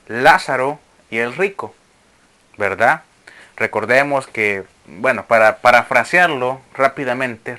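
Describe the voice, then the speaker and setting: A man delivers a sermon-style Bible lesson in a bright, forceful voice. He reads passages aloud, then breaks off to explain them and put questions to his listeners. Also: medium pitch. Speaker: Bible teacher. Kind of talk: sermon teaching.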